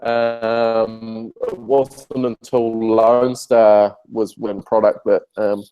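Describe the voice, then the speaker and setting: A man's voice: lowish voice, little pitch movement, drawn-out words, dark tone, clear, resonant tone. A man on a crackly, fading call line. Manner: hesitant, many fillers and restarts. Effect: call line breaking up and fading in and out. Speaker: interviewee, hospitality software founder. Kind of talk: casual remote interview. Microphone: remote call line.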